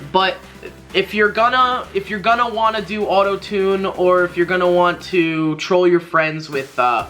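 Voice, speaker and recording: A young man with a somewhat high, slightly bright voice hosts a casual step-by-step tech tutorial. He talks in an informal, rambling, slangy way, recorded indoors in a small room.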